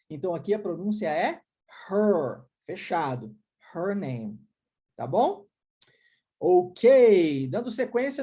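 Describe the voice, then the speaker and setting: A woman's voice: medium pitch, dark tone. A Brazilian woman with a Brazilian Portuguese accent, teaching an English lesson and checking in often with the viewer. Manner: explanatory, checks in with "tá?" and "né?".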